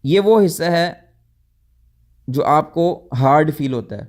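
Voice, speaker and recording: Guy teaching a tajweed lecture, kinda high voice, walks through it step by step, fixes himself sometimes. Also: expressive. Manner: explains step by step, with self-corrections and English loanwords. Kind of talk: recorded lecture.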